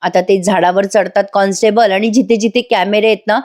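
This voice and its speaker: A woman's voice: medium pitch, fairly even intonation, fairly quick, a little mellow. A woman narrating a chatty voice-over recap of a TV serial, talking straight to her viewers. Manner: chatty, addressing viewers directly. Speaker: serial reviewer.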